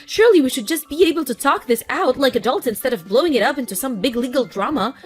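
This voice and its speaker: A woman's voice: high-pitched, expressive, quick pace. A woman voicing a desperate, abusive sister-in-law who pleads and begs in a scripted story. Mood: pleading. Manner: pleading, begging.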